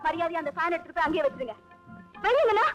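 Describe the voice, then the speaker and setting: An actress playing a sharp-tongued, teasing young village wife in a film comedy, quarrelsome. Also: female voice, very high voice, very animated, very fast, lo-fi sound, soft background music, heavily acted. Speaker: wife, daughter-in-law. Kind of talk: 1980s film comedy acting.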